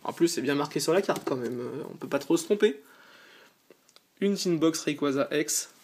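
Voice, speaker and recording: The recording is very noisy as this channel host, sounding worn out, unboxes items on a small sofa inside. He speaks at a moderate pace in an expressive, fairly high voice, eager and talkative but often stopping short.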